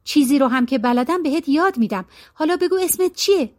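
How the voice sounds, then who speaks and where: A woman voicing a kind, gentle old bearded man who teaches music, in a storybook reading, soft-spoken. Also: high-pitched, lively intonation. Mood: kindly.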